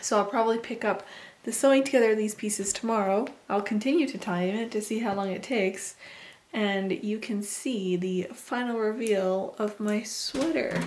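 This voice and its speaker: A woman's voice: medium pitch, normal speed, a little mellow. A woman talking casually to camera as a vlogger, in a chatty, rambling, informal way. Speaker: knitting vlogger.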